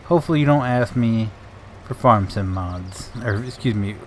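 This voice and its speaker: A man's voice: fairly low pitch, moderate pace, slight background noise. Casual, cussing male game streamer. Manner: laid-back, swears casually, greets and thanks viewers. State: tired and grumpy. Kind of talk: casual live-stream chat while playing a farming game.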